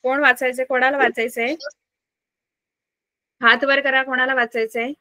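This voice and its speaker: A woman teacher reading a story aloud in an online class, explaining it slowly and asking the children questions. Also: high voice, flat delivery, bright, forceful tone, no echo.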